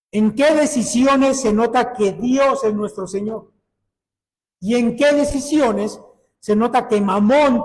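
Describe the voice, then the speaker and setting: High-voiced man preaching in a hall. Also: a little mellow. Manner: earnest, asks listeners direct questions. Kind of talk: sermon.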